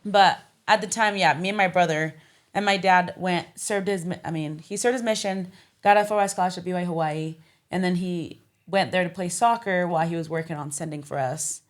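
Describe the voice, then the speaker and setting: A woman's voice: lowish voice, fairly quick. A young woman from Liberia, a podcast guest, telling her childhood story in a casual interview with many fillers.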